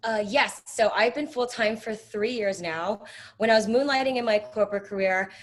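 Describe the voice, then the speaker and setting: Brief: upbeat woman in her thirties, casual panel talk, middle pitch. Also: normal speed. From United States. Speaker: panelist, influencer.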